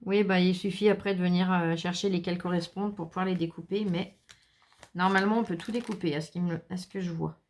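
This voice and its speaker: A woman's voice: lowish voice, steady tone, fast talker. A French woman chatting casually to viewers as she unboxes craft supplies, enthusiastic and talkative. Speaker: craft vlogger.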